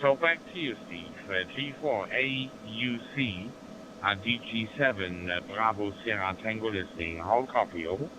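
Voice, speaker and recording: A man's voice: fairly low pitch, expressive, moderate pace. A man with a German accent, making amateur radio small talk in formulaic operator phrasing over a crackly link. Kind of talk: amateur radio contact chat. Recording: noisy radio link, background hum.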